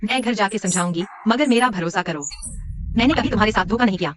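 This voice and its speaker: Lady doing a young wife begging everyone to calm down, placating, faint hiss. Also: mid-range voice, quick pace, lightly acted. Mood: defensive. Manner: placating, pleading. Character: young wife, secretive and pleading. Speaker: wife and employee.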